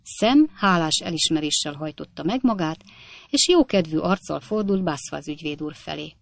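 A woman with a fairly low voice reads a classic novel aloud. Her storytelling is lively and expressive, with the voice close and dry. It is an audiobook narration. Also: creaky, no echo.

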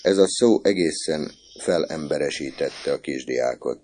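A man with a very deep, dark voice narrates a novel as an audiobook. His delivery is measured and even, unhurried. The tone is mellow and low throughout. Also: no echo. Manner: measured storytelling.

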